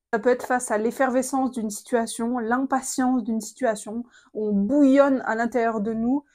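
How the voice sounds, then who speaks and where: A woman's voice: on the high side, a little mellow. A young woman talking earnestly and reflectively to camera, sharing personal advice with a lot of hesitation fillers. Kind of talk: casual confiding talk to camera.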